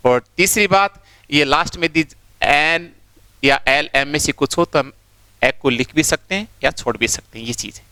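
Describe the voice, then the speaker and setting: A male teacher explains phonetics one careful step at a time, repeating each sound and pressing his students to focus. His voice is bright and a little high. The sound is dry and close, with no room echo. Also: moderate pace, smooth. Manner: repetitive, explains step by step, keeps urging attention. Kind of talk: online phonetics lesson.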